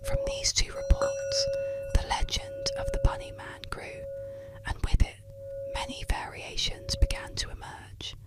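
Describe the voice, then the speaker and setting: A woman narrates in a breathy, fully whispered ASMR voice, as if telling a bedtime story. Her delivery is slow, hushed and soothing, in the manner of a sleep and ear-cleaning ASMR recording. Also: very high voice.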